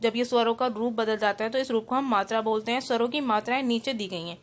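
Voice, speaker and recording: A woman's voice: a little high, quick pace. A woman school teacher giving an online grammar lesson. She spells words out letter by letter, then repeats each rule in simpler words with English terms mixed in.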